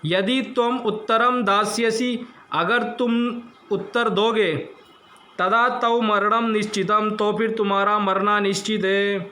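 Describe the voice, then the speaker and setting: A male teacher with a high, bright voice works through a text at an unhurried pace. He reads a line, translates it word by word, and asks the class about the grammar. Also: steady tone. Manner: explains grammar with questions to the class.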